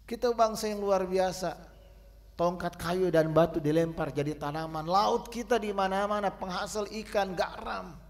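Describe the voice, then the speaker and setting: Male Friday preacher, fairly high voice, rhythmic rhyming delivery with loud-soft swings, recorded in a reverberant mosque. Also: moderate pace. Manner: rhythmic rhyming oratory with sharp swings in loudness. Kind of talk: sermon. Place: mosque hall. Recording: echoey mosque hall sound.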